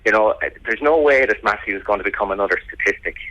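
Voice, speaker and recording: An Irish man being interviewed on radio as a family campaigner, speaking in an earnest, determined and halting way. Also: on the low side, pushed and bright, dry recording, dull audio.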